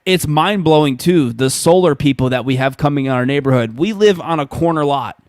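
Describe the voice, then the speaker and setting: A man's voice: fairly high pitch, brisk, dry recording, studio quality. A man in his thirties co-hosting a casual podcast, telling stories with acted-out quotes and frequent laughs. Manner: animated storyteller, acts out quotes, laughs often. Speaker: podcast co-host. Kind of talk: casual chat.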